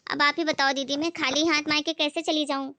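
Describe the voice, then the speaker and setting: A woman voicing a meek young daughter-in-law who pleads softly, in an amateur family skit. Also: high voice, little pitch movement, fairly quick, dry recording. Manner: soft and pleading.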